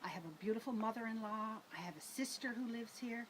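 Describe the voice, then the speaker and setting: A woman's voice: on the high side, a little fast, a bit bright. A woman, chatting through her answer as a council candidate. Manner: chatty, lists family at length. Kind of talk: interview answer. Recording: noisy background.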